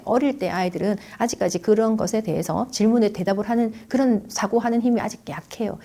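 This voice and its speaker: A woman, a child education expert, calmly explaining parenting advice in an interview and acting out what a parent might say to a child. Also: medium pitch. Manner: calm explaining, acts out parents' questions to a child.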